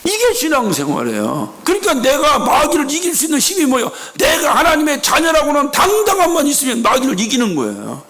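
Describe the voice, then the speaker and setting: A middle-aged male pastor delivers an emphatic church sermon, firing rhetorical questions and acting out little quoted scenes. His voice sits very high for a man and swings widely in pitch. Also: wildly swooping pitch, brisk, few pauses, bright, forceful tone. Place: church sanctuary.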